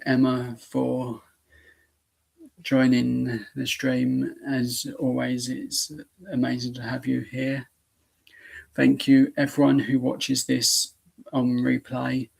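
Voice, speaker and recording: Man, hoarse, husky, casual streamer chat, halting. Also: mid-range voice, darkish tone, poor audio. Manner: halting, restarts often, talks to viewers. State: voice going hoarse. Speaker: YouTube live streamer.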